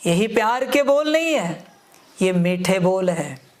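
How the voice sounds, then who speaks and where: A woman's voice: mid-range voice, expressive, takes it slowly, a little mellow. A woman giving a devotional discourse, addressing her listeners as children and repeatedly reminding them to pay attention, in an admonishing tone. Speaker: spiritual teacher.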